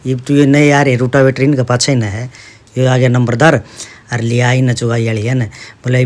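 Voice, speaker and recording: A man's voice: medium pitch, a little mellow. Chatty man narrating his vlog. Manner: chatty, homely, addresses viewers with "dekho". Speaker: vlogger, father.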